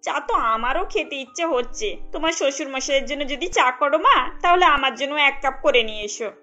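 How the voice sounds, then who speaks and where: A woman's voice: high-pitched, expressive, brisk, pushed and bright, lo-fi sound, soft background music. A woman voicing a bossy middle-aged mother-in-law in a cartoon, giving commands to her daughter-in-law.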